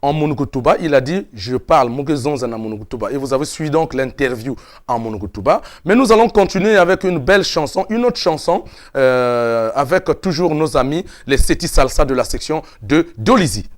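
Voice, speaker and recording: A male television presenter speaks at a medium pitch. His s sounds come out slushy and lisped, and he delivers his links haltingly, leaning hard on some words. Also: expressive. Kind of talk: presenting a TV music show.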